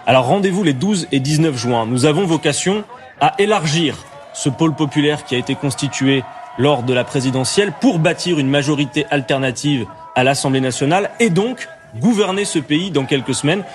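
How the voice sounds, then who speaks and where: A man, a politician, delivering a measured, forceful political address. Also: fairly high pitch, lively intonation, faint music behind. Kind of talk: political speech.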